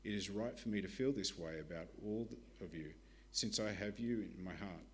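A man with a lowish voice reads a church ministry update aloud. His delivery is steady and measured, with a few small fillers when he speaks off the page. The tone is earnest and prepared, like a report given from the front of a congregation. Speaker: church presenter.

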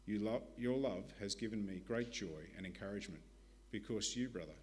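A man presenting to a church, reading a prepared ministry report and Bible passages in a steady, measured way. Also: lowish voice, slight background noise.

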